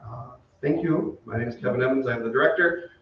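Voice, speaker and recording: Standing on a theater stage before an audience, a middle-aged man who directs community theater offers an informal, improvised welcome. His medium-pitched voice moves briskly over a faint hiss or hum, captured muffled by a distant mic in a strongly echoing hall.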